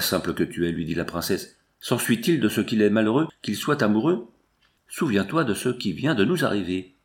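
A man narrating a classic novel as an audiobook, reading the dialogue of every character in a measured voice. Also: mid-range voice.

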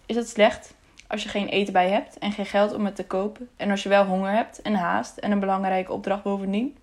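A woman's voice: medium pitch, flat delivery, a little fast, lightly acted. A woman voicing a young boy companion who speaks bluntly and a little scornfully. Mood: pleading.

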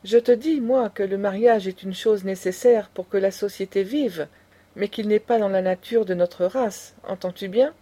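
A woman's voice: mid-range voice, normal speed, warm tone, close to an everyday voice. A woman voicing an indignant aristocratic old grandmother who lectures with passion. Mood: impassioned. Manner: impassioned, lecturing.

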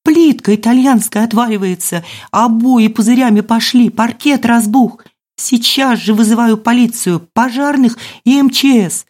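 A woman's voice: a little high, normal speed, darkish tone, voice pushed up, natural voice. A woman reader voicing a hysterical middle-aged female neighbor in an audiobook, shrieking in outrage. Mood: outraged shrieking. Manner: screeching, outraged.

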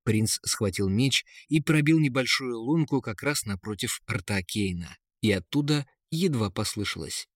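Man reading a kids fairy tale, very lively tone, dry close mic. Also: medium pitch, a little slow, few pauses, dry recording. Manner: expressive storytelling. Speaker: narrator. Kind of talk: children's audiobook narration.

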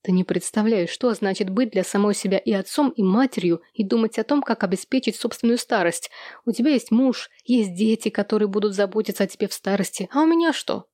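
A woman reading an audiobook, voicing a prim, hysterical middle-aged woman who complains in a shrill, sobbing way. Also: brisk, mellow, no room sound, clean studio sound, lightly acted. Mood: pleading.

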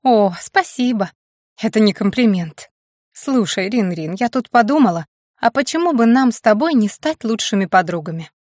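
A woman's voice: on the high side, animated, moderate pace, darkish tone, dry recording, clean studio sound. A woman voicing a capricious, teasing female witch in an audiobook, in a playful sing-song manner.

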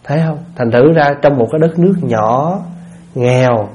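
Male monk, relaxed warm tone, folksy sermon that keeps checking in with listeners. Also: mid-range voice, moderate pace, a little hiss or hum. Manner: folksy, asks listeners rhetorical questions. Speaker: Buddhist monk giving a dharma talk. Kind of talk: conversational sermon.

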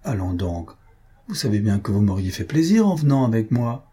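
A man reading aloud, voicing a shy young countess who answers softly and hesitantly, in a husky voice. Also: lowish voice, very animated, moderate pace. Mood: flustered.

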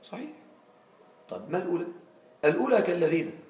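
Man, teacher, slightly high voice, classroom grammar lesson, quizzing students, roomy echo, distant mic. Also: huge pitch swings, fast talker, a little mellow. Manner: quizzing students with frequent check questions. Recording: echoey room, far from mic.

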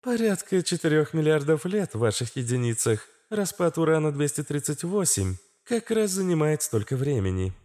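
A man voicing a calm, politely chirpy female computer system in an audiobook. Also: on the high side, moderate pace, few pauses, voice pushed up. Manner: level, chirpy machine politeness.

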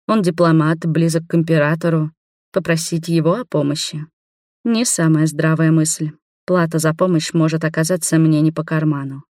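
Calm woman reading an audiobook. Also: sits low, no echo, studio quality. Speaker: audiobook reader. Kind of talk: first-person audiobook narration.

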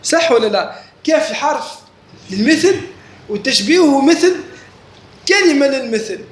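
High-voiced man teaching in an echoey room. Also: expressive, normal speed. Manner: keeps checking students understand, asks questions. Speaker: religious teacher. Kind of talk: classroom religious lesson. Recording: echoey room with faint noise.

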